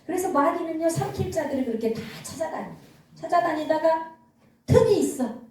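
A woman's voice: very high voice, expressive, moderate pace, a little mellow, very echoey, far from the mic, rough recording. A woman pastor preaching a sermon, calling out questions to the congregation and answering them herself. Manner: call-and-response preaching, answering her own questions.

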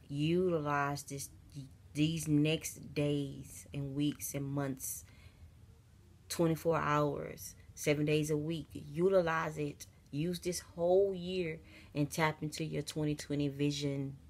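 A woman giving an inspirational religious talk in a vlog, urging her viewers on and repeating her phrases. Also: low voice. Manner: exhorting, repeats phrases, addresses viewers as y'all. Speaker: beauty vlogger giving a faith talk.

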